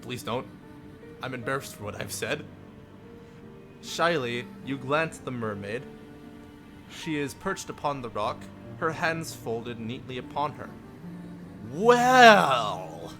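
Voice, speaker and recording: Reading a visual novel on a live stream, this man performs the text dramatically and breaks off for joking asides. His mid-range voice is very animated, yet he speaks slowly and pauses often, with music behind him.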